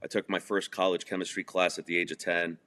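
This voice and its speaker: Talking fast in a low, pushed, bright voice with little pitch movement, this New Jersey man, whose first language is Spanish, recounts his life on a podcast. He chats loosely, leans on fillers, and laughs at his own jokes.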